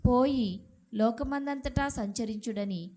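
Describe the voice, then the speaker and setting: A woman reading scripture aloud at a slow, measured pace during a church service. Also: a little high, warm tone. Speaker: scripture reader. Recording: from far off the mic.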